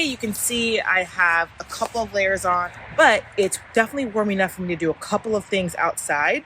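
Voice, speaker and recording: A woman's voice: mid-range voice, a bit bright, a little hiss or hum, low-quality recording. A woman chatting informally and easygoing to viewers in a casual gardening vlog, recorded outside in a backyard. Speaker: gardening vlogger. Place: outdoors in a suburban backyard and side yard.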